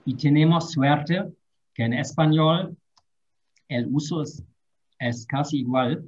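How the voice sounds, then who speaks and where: A man teaching an online language lesson, drilling verb forms slowly and carefully. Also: fairly high pitch, darkish tone, highs cut off. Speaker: German teacher.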